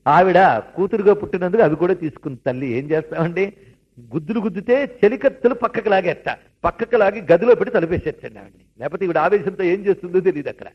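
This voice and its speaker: A man giving a devotional discourse who retells scripture stories with animated asides to his listeners. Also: high voice, quick pace, husky. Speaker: religious storyteller. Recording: dull lo-fi recording.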